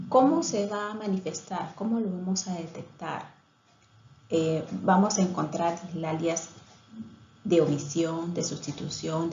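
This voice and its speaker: A woman with a lowish, gravelly, mellow voice works through a lecture on speech therapy. She explains things methodically, often pausing to restart a phrase. The recording sounds roomy and slightly dull, with a faint hiss.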